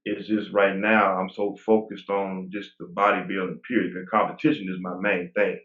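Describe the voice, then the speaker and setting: Speaking in a low voice at moderate pace, a man in his forties, a guest bodybuilder, gives relaxed, rambling interview answers with many restarts. The recording has a tinny phone quality and a roomy echo.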